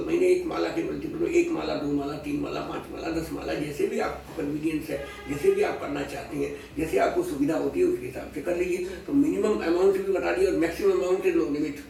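A man's voice: a little high, animated, a little fast, gravelly, darkish tone. A man being interviewed as an astrology scholar, explaining patiently with everyday examples and slipping English phrases into his speech. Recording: echoey room, voice far from mic, faint noise.

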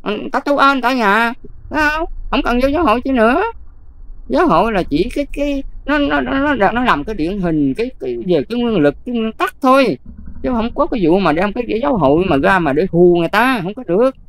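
An older Buddhist nun with a Southern Vietnamese accent, talking casually and emphatically, often checking whether the listener follows. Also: female voice, fairly high pitch, expressive, quick pace. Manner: emphatic, keeps checking "see?". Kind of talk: casual advice talk.

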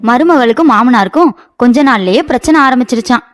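A woman's voice: fairly high pitch, lively intonation, quick pace. A woman narrating a cartoon storybook tale with a folksy storytelling cadence. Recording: with background music.

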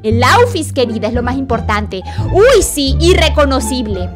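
A woman's voice: high-pitched, lively intonation, normal speed. A young woman giving casual reaction commentary in a theatrical, sassy, exclamatory way. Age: young adult. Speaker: gaming reaction creator. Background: music.

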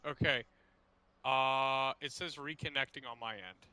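A man streaming a golf video game, chatting casually with a friend and reacting excitably. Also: mid-range voice, measured pace, no room sound. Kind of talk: casual gaming chat.

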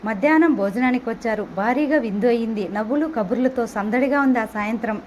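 A woman narrating a novel in the first person, telling the story in a steady, measured way. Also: a little high, a little hiss or hum, rough recording. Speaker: audiobook narrator.

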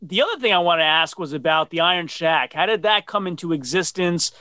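A man's voice: on the high side, brisk, sharp tone, no echo. A man in his forties from New Jersey hosting a video-call interview, friendly and affirming, asking long rambling questions. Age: 40s. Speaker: interview host. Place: dim home office. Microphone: webcam on video call.

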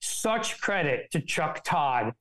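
A man's voice: a little high, big pitch swings, slow, a bit bright, low-quality recording. A middle-aged man, a political strategist on a show, talking in a blunt, profane, joking way in casual political chat.

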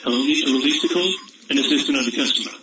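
Fast-talking male support agent on a noisy line. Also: mid-range voice. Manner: brisk and formal. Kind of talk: phone support call. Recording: distant echoey phone line with loud noise.

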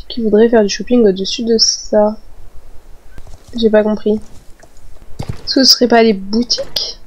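A woman's voice: a little high, a little mellow. A teenage girl giving casual commentary while she plays, chatting to herself and her viewers. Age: teens. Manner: chatty, talks to herself while playing, quick swings into annoyance. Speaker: gaming vlogger. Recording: slightly dull home mic with game music.

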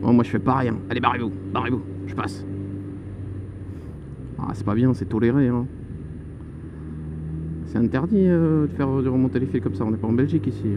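Chatty twenties motovlogger on the move, dull helmet mic, clear road noise. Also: male voice, medium pitch, quick pace, pauses often. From Paris suburbs. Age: 20s. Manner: chatty, joking, exclaims "oh là là". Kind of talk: casual vlog while riding a motorcycle. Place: motorcycle on city roads. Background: traffic and horns.

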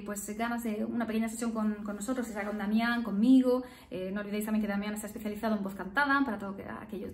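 Filmed from the upper body by a front-facing camera, this woman in her thirties, a speech therapist, sits indoors before a painted geometric wall. She speaks at a medium pitch with a roomy sound, chatting casually and leaning heavily on fillers and tag questions.

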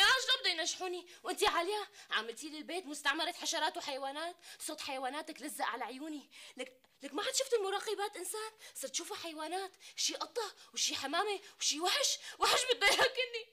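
Tearful student sister, very high, fast wailing. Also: female voice, expressive, bright, forceful tone, exaggerated voice. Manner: sobbing while laughing, wailing complaints. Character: young woman student, despairing and tearful. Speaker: sister crying over her exams.

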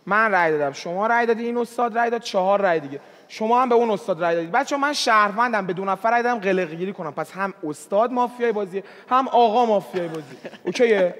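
A man arguing heatedly as a contestant in a party game, often raising his voice to shouting. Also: high-pitched, expressive, hardly any pauses, in a large hall.

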